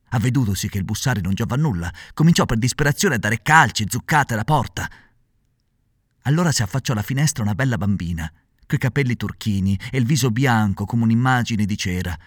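A man narrating a classic children's story aloud with expressive, dramatic reading. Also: medium pitch, no echo, clean studio sound.

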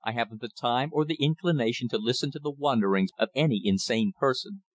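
A man's voice: medium pitch, fast talker, no echo, lightly acted. A man voicing a dismissive, haughty wealthy man who brushes off every claim with condescension.

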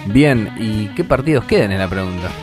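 An Argentine man banters and calls out scores with an animated, swinging voice. He runs the game among friends in a relaxed, joking way. Faint guitar music plays underneath. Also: on the low side, normal speed. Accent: Argentine Spanish. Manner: playful, joking, lively. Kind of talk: casual group banter, game commentary.

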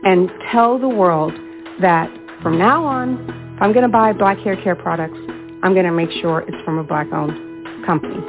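A woman's voice: lowish voice, normal speed. A woman speaking earnestly and persuasively as a guest, calling listeners to take up a challenge. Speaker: guest, business challenge founder. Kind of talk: speech clip on radio show. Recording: phone-like sound with faint music.

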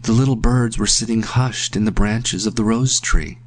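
A man narrates a ghostly tale in a measured, hushed way. His voice sits a little low, and a faint hum lies under the reading. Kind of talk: scripted narration of a story.

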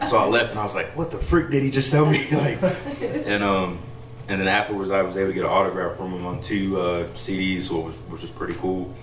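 This young man talks quickly and rambles through a story, piling up fillers as he goes. His voice sits a little low, and he's picked up from across an echoey loft by a distant mic. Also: level tone, a crowd in the background. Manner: chatty storyteller, many fillers. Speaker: guest musician, saxophonist. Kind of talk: casual interview chat. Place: theater loft, live session. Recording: echoey room, mic far off.

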